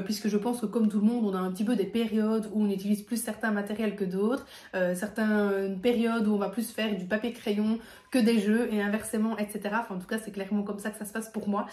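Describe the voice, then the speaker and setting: A woman's voice: medium pitch, darkish tone. Chatty woman in an echoey room. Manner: chatty, many fillers, laughs easily. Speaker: speech therapist presenting her materials. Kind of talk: casual video presentation.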